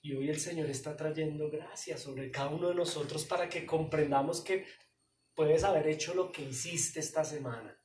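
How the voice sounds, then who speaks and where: Pastor preaching in an echoey hall. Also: male voice, a little high, normal speed, a little mellow, recorded from a distance, a little hiss or hum. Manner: emphatic, pleading, addresses listeners directly. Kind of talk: sermon. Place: church hall.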